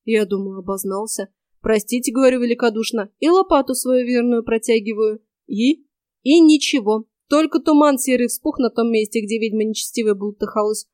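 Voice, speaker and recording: A woman's voice: fairly high pitch, brisk, darkish tone, no echo, close to an everyday voice. Boastful rustic young fool of a fairy tale, as a woman narrator puts him on, close dry sound. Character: boastful simple-minded young male hero.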